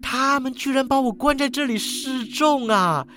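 A man's voice: fairly high pitch, sing-song, measured pace. A man voicing a cheeky old male skeleton necromancer who wheedles and argues, in a storybook reading. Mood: whiny. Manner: wheedling, self-pitying, argumentative.

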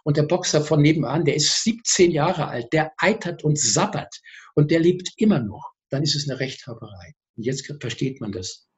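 Speaking at normal speed in a slightly high voice, this man is a personal-growth speaker guesting on a TV interview. He lays out his ideas energetically and fills them with examples.

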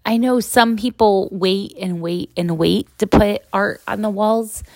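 A middle-aged woman with a medium-pitched voice hosts a relaxed podcast monologue at a measured pace. She's frank and chatty, regularly checking in with a "right?" The makeshift recording was made away from a proper studio and has no echo.

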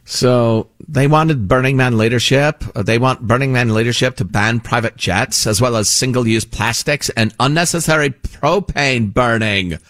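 A man's voice: medium pitch, normal speed, hardly any pauses, a bit bright, dry recording, clean studio sound. A man hosting a talk show, giving opinionated, exasperated commentary with plenty of sarcasm.

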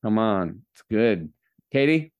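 A man's voice: on the low side, sing-song, slow pace. Enthusiastic preacher-like male host. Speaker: podcast host. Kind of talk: casual faith-based interview.

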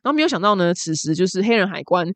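Fast-talking woman vlogger. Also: lowish voice, sing-song, a bit bright, no room sound. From Taiwan. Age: 40s. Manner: chatty, blunt, storytelling with asides. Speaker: host. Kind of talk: casual news commentary vlog.

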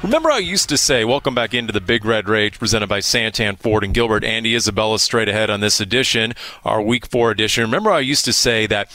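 A man's voice: fairly low pitch, expressive, quick pace, few pauses, pushed and bright. An American man hosting a sports radio show with conversational football commentary.

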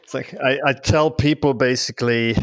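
A Swiss man in his fifties with a Swiss accent, guesting as a travel photographer, chats casually in an interview, poking fun at himself, chuckling and restarting his sentences. His mid-range voice keeps a fairly even intonation at normal speed against a noisy background.

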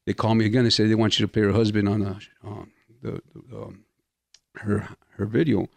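A man's voice: fairly low pitch, flat delivery, fairly quick, creaky, no room sound. A man in his fifties, an actor talking casually in an interview, full of laid-back slang and "you know". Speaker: actor guest.

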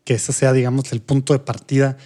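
A man co-hosting a casual podcast, thinking aloud with frequent pauses, restarts and tag questions. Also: medium pitch, flat delivery, warm tone. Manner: hesitant, searching for words, many tag questions. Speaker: podcast co-host.

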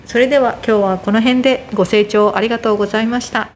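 A woman teaching a language lesson, slowly and carefully demonstrating how word accents differ. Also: a little high, fairly even intonation, background noise.

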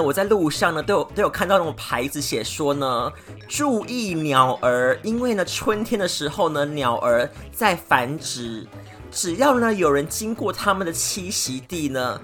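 A woman's voice: low-pitched, fairly bright tone. A woman hosting a solo podcast, chatting to her listeners and stretching out little filler particles. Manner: chatty, many drawn-out filler particles, addresses listeners directly. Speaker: podcast host.

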